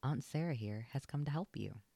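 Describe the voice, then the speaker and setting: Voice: medium pitch, lively intonation, brisk, gravelly, no echo. A reader whispering as a kind young wife. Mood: gentle. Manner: gentle, warm-hearted. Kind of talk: whispered role-play.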